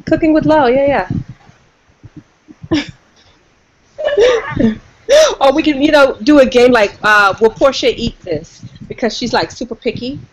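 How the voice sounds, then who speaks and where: A high-voiced woman co-hosts a casual online video chat, speaking unhurriedly with long pauses. She jokes around, chats, and laughs often, and the call audio is noisy.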